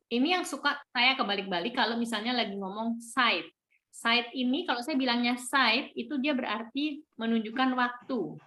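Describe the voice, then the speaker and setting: A woman's voice: fairly high pitch, pushed and bright, slight background noise. A woman teaching a live online German lesson, patiently correcting pronunciation step by step.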